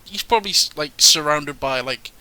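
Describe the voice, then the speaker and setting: A man's voice: fairly high pitch, normal speed, pushed and bright, clear, resonant tone. A young man with a Sunderland accent, co-hosting a podcast and rambling through ghost stories with lots of swearing and laughter. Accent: Sunderland (Mackem). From Sunderland, England. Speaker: podcast co-host. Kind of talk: casual chat about ghost stories.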